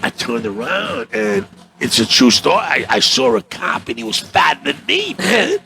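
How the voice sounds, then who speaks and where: Gravelly, animated New York comedian. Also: male voice, a little high, normal speed, background noise. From Astoria, Queens, New York. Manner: animated, profane, rambling with stammers. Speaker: comedian guest. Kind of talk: storytelling interview chat. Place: cafe.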